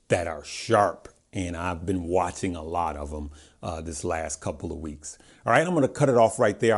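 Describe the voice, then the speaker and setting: A man's voice: low voice, a little mellow. An American man hosting a casual investing vlog, talking straight to viewers with emphatic, repeated phrases, his speech slightly garbled by stitches in his mouth after dental surgery. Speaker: investing video host. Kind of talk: casual direct-to-audience vlog talk.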